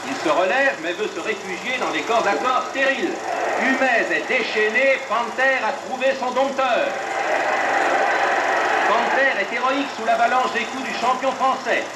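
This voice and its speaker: A man with a high voice commentates sport as an old 1950s French newsreel narrator would, emphatic and scripted. Heavy noise and echo cover the soundtrack. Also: moderate pace.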